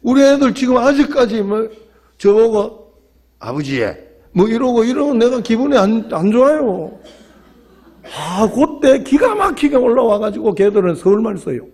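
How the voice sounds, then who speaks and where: A man's voice: very high-pitched, lively intonation, normal speed, a little mellow. A male pastor with a Gyeongsang accent, preaching an evening sermon in a church and telling stories with emphatic appeals to the congregation. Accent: Gyeongsang Korean. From Gyeongsang region of Korea. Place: church sanctuary.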